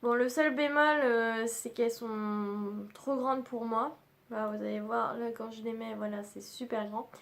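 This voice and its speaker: A woman's voice: on the high side, steady tone, a little slow, creaky. A woman beauty vlogger chatting casually through a haul at home, full of fillers and restarts. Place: indoors at home.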